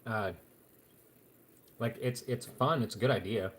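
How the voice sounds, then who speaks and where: A man's voice: mid-range voice, measured pace. A man chatting casually to viewers on a live stream at home, rambling along with plenty of fillers and restarts.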